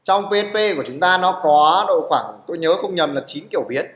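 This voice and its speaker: Guy teaching a coding class, keeps asking if everyone's got it, slightly high voice, roomy echo. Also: lively intonation, fairly quick, fairly bright tone. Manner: keeps asking "được chưa?" to check on students. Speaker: programming teacher. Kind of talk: live classroom coding lesson.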